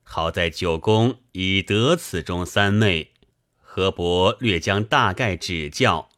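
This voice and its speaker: A man's voice: low voice, takes it slowly, a bit bright, no echo, studio quality, voice pushed down. A man voicing a polite, earnest scholar who asks questions courteously. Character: earnest young male scholar, polite and curious.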